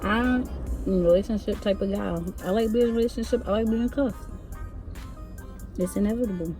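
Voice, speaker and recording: A young woman vlogger casually telling a personal story, chatty and animated with sing-song asides. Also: mid-range voice, a little fast, faint music behind. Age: young adult.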